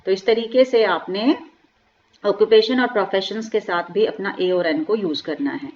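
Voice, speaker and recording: A woman teaching English grammar in a lecture, asking rhetorical questions and slowly spelling out words. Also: mid-range voice, darkish tone, muffled recording. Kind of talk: classroom lecture explaining grammar.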